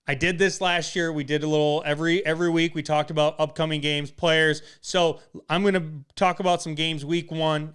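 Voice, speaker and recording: Man, young, from Wisconsin, slightly high voice, smooth and clear, opinionated sports chatter on a podcast. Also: fairly bright tone. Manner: opinionated, emphatic sports talk. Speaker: podcast co-host. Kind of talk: casual podcast chat.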